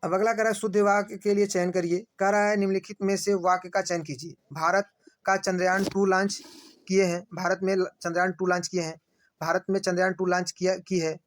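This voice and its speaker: A male teacher running an exam-prep lesson, repeating each answer and asking quick rhetorical checks. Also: high voice, level tone. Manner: points at screen, says "dekhiye".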